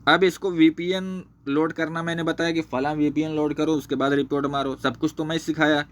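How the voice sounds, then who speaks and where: On a screen share, a channel host rants angrily about a former associate, swearing constantly, repeating himself, and pointing things out on screen. His voice sits on the high side with little pitch movement, and he talks a little fast.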